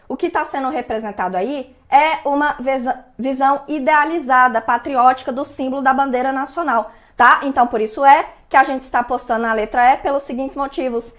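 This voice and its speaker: A woman's voice: sits high, a bit bright. A woman with a Brazilian Portuguese accent, teaching an online exam-prep lesson in a chatty way and checking in often with her students. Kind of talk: online lesson, going over exam answers.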